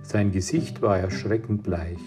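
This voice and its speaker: A man reading a children's adventure audiobook in a measured storytelling manner. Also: sits low, fairly even intonation. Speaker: audiobook reader. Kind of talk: scripted narration. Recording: reading over guitar music.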